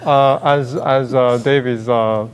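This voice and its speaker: A man's voice: mid-range voice, fairly even intonation, slow pace, clear, resonant tone. A man co-hosting a casual chat show, hesitant and full of fillers and restarts. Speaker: co-host. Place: theater stage. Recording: long reverb of a theater hall.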